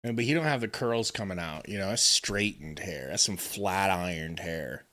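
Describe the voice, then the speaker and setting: Casting: male co-host, bright, animated delivery, casual live play-by-play. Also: sits low, moderate pace. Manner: excitable, jumps between joking banter and calling plays. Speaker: podcast co-host calling the game.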